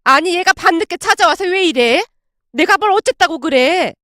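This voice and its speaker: A woman's voice: very high voice, expressive, normal speed, sharp tone, no room sound, clean studio sound, pitched above the performer's own voice, full character voice. A woman voicing a nagging, defensive older mother-in-law who justifies herself in a whiny tone.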